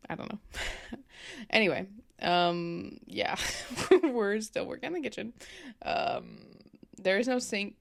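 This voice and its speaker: A woman's voice: on the low side, gravelly. A young woman, rambling casually and with self-deprecating humor in a voice-over about her game build. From American Midwest. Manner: rambling, chatty, self-deprecating, lots of fillers. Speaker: game content creator.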